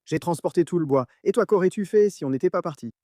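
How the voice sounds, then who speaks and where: A man's voice: sits high, fast, warm tone, dry recording, studio quality. A man bantering casually with friends, often repeating short commands insistently.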